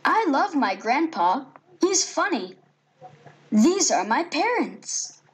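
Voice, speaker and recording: A woman voicing a cheerful nine-year-old boy in a recorded textbook listening audio, with a bright, sing-song delivery. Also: sits high, big pitch swings, very slow, heavily acted.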